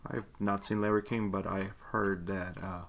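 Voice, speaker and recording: Deep gravelly guy running the game, kinda mumbly and laid back. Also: flat delivery, normal speed, slight background noise. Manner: low-key, rambling with fillers. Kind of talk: casual chat between role-play scenes.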